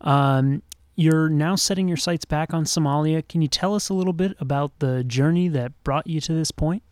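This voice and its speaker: A man hosting a policy podcast, reading a polite intro and then interviewing a guest in a measured way, with small stumbles. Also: on the high side, a little mellow, dry recording, studio quality. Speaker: podcast host.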